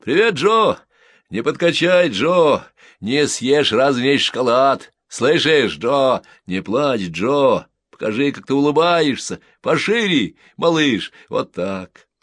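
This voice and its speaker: A man reading the parts of jovial soldiers who tease and coax a child in loud, cheerful voices. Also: lowish voice, big pitch swings, normal speed, husky, no echo, studio quality, pitched above the performer's own voice. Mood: cheering. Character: hearty joking soldiers, adult men.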